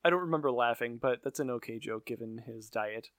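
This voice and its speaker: A man's voice: medium pitch, fairly quick, fairly bright tone, dry recording. Weary, dry-voiced man recapping a cartoon. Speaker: podcast co-host. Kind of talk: casual chat recapping a cartoon episode.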